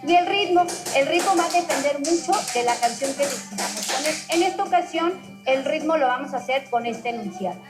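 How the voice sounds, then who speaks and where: A high-voiced woman leads a rhythm lesson, calling out beat words in an even chant. Music plays behind her. The sound comes from a television picked up by a home recorder. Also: fairly quick, rough recording. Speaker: physical education instructor. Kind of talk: instructional demonstration. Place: studio heard through a home TV recording.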